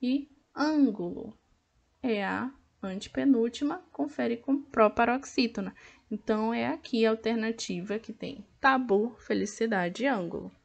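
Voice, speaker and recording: A woman teacher with a Brazilian Portuguese accent, patiently walking pupils through a workbook and sounding out each word clearly. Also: fairly high pitch, measured pace. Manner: patient, over-articulates words to count syllables. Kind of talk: slow classroom explanation of an activity book.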